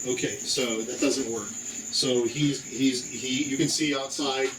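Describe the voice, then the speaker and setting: A man running a tabletop game as game master, describing scenes casually in a halting, improvised way. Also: medium pitch, fairly even intonation. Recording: echoey room, distant mic, noisy background.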